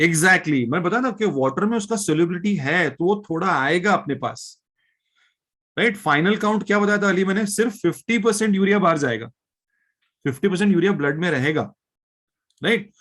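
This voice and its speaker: A man's voice: sits high, animated, a bit bright. A male biology teacher with an Indian accent, lecturing a live class, mixing Hindi and English and often checking that students follow. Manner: reads textbook lines slowly, then explains them.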